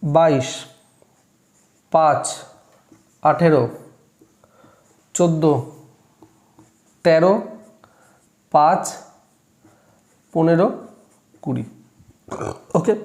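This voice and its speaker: In an echoey classroom, a man with a mellow, somewhat high voice teaches at the board. He counts aloud step by step and checks his work as the lesson goes on.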